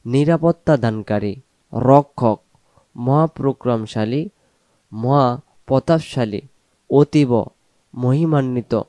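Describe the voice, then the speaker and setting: A man teaching Quran recitation, chanting verses slowly and drawing them out, then explaining pronunciation more quickly. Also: medium pitch, warm tone, no echo.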